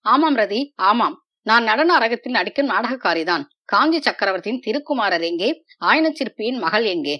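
A woman's voice: a little high, expressive, normal speed, highs cut off. A woman reading as a fiery young dancer. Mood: bitter. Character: proud young female dancer, wounded and fiery.

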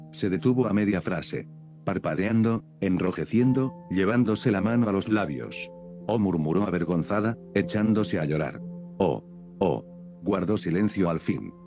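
A man narrating a science fiction audiobook in a measured, even storytelling manner. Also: sits low. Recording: music playing behind the voice.

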